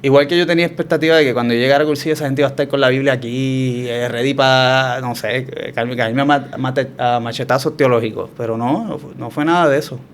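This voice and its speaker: A man with a Puerto Rican Spanish accent, telling his story as a guest in a relaxed, reflective way with frequent restarts. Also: medium pitch, fast talker, few pauses, a little hiss or hum. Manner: reflective, hesitant with many restarts. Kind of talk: conversational testimony.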